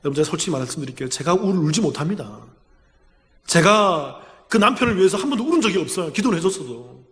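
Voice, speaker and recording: A man's voice: fairly high pitch, sing-song, fast talker, fairly bright tone, long reverb tail. A male pastor preaching a sermon in earnest, acting out his congregants' words as dialogue. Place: church sanctuary.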